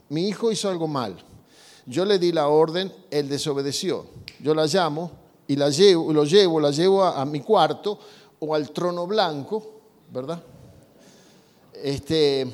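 A man preaches in a conversational way, asking his listeners question after question. His voice sits a little high for a man. Long reverb from a large hall trails after his words. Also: a little mellow. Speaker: pastor. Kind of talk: sermon on parenting.

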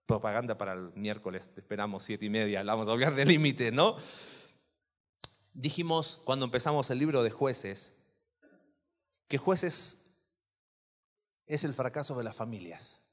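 A man's voice: mid-range voice, moderate pace, long pauses, in a large hall. A man preaching a sermon in a church, chatty and full of questions to the congregation. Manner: conversational, asks the congregation questions. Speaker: pastor.

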